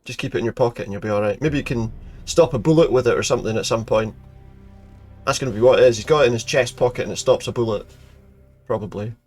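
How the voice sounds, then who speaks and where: A man commentating casually over a game he is playing. His voice is mid-pitched, and he jokes dryly, often echoing what was just said. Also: fast, darkish tone, faint music behind. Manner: dry, joking, echoes game lines. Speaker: gamer commentator. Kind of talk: casual let's play commentary.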